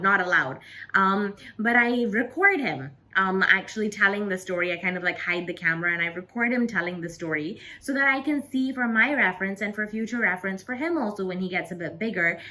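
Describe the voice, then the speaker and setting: A woman's voice: medium pitch, bright, forceful tone. A woman in her thirties hosting a casual to-camera tutorial, chatting directly to her viewers. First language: English. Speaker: channel host teaching English.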